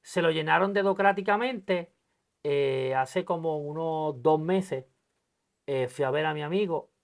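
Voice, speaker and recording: Speaking a little slowly in a highish voice, the podcast host discusses politics informally with his guest, stressing his points and voicing quoted dialogue as he tells stories.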